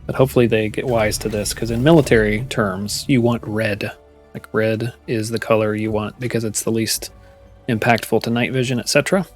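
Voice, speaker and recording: A man's voice: fairly low pitch, fairly even intonation, fairly quick, soft background music. A man chatting casually to his viewers while playing a game live, musing aloud as he goes. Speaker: streamer. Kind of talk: casual gameplay commentary.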